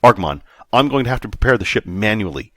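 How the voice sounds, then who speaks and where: Man doing a shouting, desperate space captain. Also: fairly low pitch, animated, fast talker, no echo, clean studio sound. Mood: urgent, shouting. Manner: shouting, demanding.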